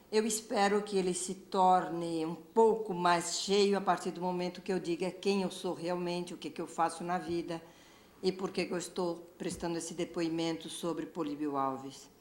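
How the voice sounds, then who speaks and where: A woman from Brazil with a Brazilian Portuguese accent, giving a measured, reflective testimony as a literature professor and pausing often with fillers. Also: lowish voice, darkish tone. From Brazil, São Paulo. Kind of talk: recorded testimony, speaking to camera. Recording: echoey room.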